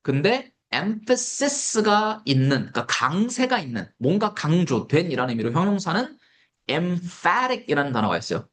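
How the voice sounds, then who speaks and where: A teacher giving an exam-prep English writing lesson in Korean, explaining vocabulary step by step. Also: female voice, fairly low pitch, big pitch swings, unhurried.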